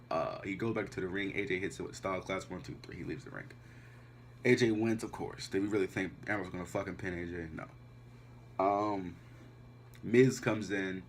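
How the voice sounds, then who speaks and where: Deep-voiced, profane male wrestling reviewer. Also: slight background noise. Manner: profane, blunt, dismissive. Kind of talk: casual recap commentary.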